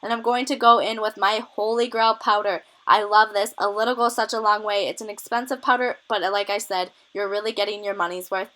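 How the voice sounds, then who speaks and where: A young beauty vlogger with a cold, a little out of breath, chats enthusiastically through a makeup tutorial, sharing product tips. Her medium-pitched voice is sharp and fairly quick, with fairly even intonation and few pauses, and the recording is rough.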